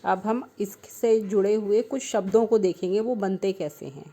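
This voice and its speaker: A primary school Hindi teacher leads young children through an online class, patiently sounding out letters one syllable at a time. She speaks at a normal speed with a medium-pitched, steady, warm voice, affectionately calling the kids "beta."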